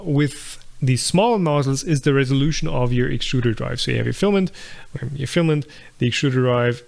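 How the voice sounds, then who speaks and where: Guy with a gravelly voice, laid back, rambling thru viewer questions, lots of ums. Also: a little high. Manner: relaxed, thinks aloud with many fillers and restarts. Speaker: channel host answering viewer questions. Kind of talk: casual live Q&A about 3D printing.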